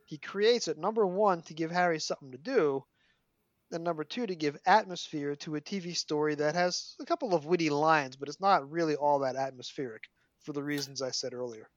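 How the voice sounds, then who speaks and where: A podcast host with a scratchy voice and a Brooklyn accent speaks a little fast and a little high, with no echo on a lo-fi recording. He reads passages from a book during his chat, telling them in an animated, mock-dramatic way.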